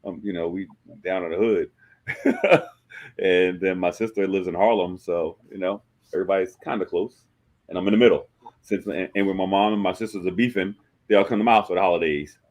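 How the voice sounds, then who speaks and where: A man in his forties, a host, telling stories in a joking, animated way during a casual chat. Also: low-pitched, a little fast. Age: 40s.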